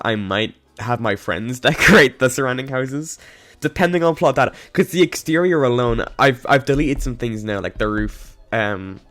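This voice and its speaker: Hoarse, giggly man rambling. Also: fairly low pitch, a bit bright. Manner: rambling, giggly, many ums and restarts. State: hoarse, coughing. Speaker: game builder narrating a speedbuild. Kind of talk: casual voice-over commentary. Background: faint background music.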